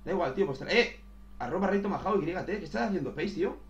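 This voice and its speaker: A man commentating his own game, excitable, swearing and saying "tío" all the time. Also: sits high, quick pace, reverberant, dull audio. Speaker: gaming youtuber. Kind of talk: casual gameplay commentary.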